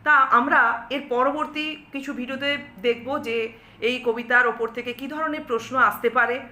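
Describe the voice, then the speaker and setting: A woman's voice: sits high, fairly even intonation, measured pace, bright, forceful tone, roomy sound. A woman teacher with a West Bengal Bengali accent explaining a poem to students step by step, asking and answering her own questions.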